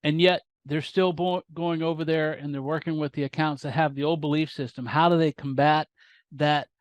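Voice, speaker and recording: Male podcast host, halting questions, fairly high voice, dry close sound. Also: steady tone, no room sound. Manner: halting, repeats words while asking questions. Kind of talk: interview questions. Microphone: video call.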